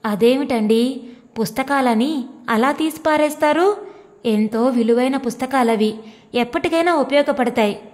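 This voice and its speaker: A woman's voice: high-pitched, a little slow, a little mellow, in a large hall. A woman reading the part of a timid young housewife who speaks hesitantly and pleads. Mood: hurt pleading.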